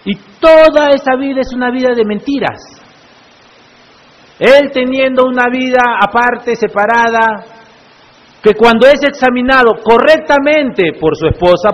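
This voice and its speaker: A male pastor preaching a sermon in church, often putting rhetorical questions to the congregation. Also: high-pitched. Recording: echoey church hall, muffled lo-fi sound.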